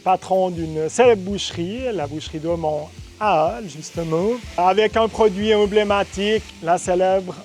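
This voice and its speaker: A man's voice: high voice, normal speed, few pauses, a little mellow. A man hosts an on-location food show. He presents in an effusive, enthusiastic manner, with music playing behind him. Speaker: host presenting regional food producers.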